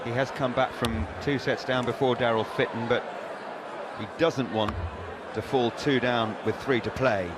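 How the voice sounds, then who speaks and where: A man commentating live on darts, giving measured analysis in short, broken phrases. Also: medium pitch, steady tone. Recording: noisy venue with clear crowd behind. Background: darts crowd noise.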